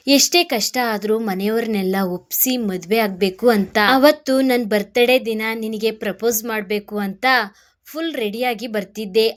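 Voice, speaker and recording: Heartfelt young student, torn loving daughter, read by a woman narrator; slightly high. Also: close to an everyday voice. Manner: emotional, heartfelt pleading.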